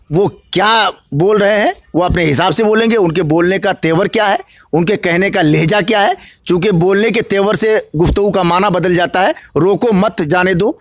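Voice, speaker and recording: A man's voice: high voice, no echo, clean studio sound. A man with a Bihari Hindi-Urdu accent answering interview questions as an election candidate, in a preacherly way that rises to emphatic declamation.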